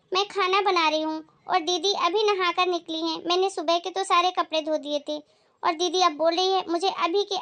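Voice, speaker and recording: Brief: woman playing firm young daughter-in-law, calm reasoning, high bright voice, moral-story drama. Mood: explaining.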